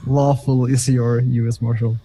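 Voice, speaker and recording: A man acting as game master, calmly asking his players practical questions about their plans. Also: medium pitch, moderate pace. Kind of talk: casual chat among players.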